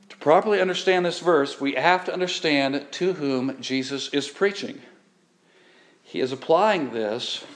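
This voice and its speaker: A middle-aged man preaching a sermon, emphatic, swelling on key words and then dropping low. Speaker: pastor.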